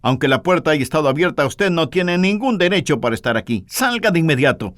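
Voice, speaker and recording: Man playing a brisk, stern gardener. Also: a little high, animated, a bit bright, no echo, studio quality. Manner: brisk, firm.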